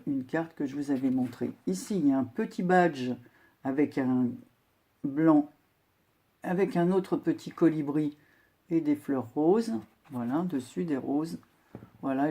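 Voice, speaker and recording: An older woman chatting casually as she shows a handmade craft project, unhurried with many filler pauses. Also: low voice, mellow. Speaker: crafting vlogger. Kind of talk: casual show-and-tell craft video.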